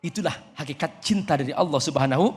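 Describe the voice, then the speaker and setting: A man preaching to a live audience, lively and joking, switching between loud emphatic lines and soft asides. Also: fairly high pitch, fast. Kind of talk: sermon to an audience. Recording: long hall reverb.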